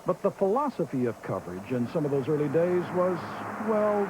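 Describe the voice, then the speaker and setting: A man narrating a television history documentary in a smooth, measured, scripted way. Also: a little high, sing-song, noisy background. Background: music.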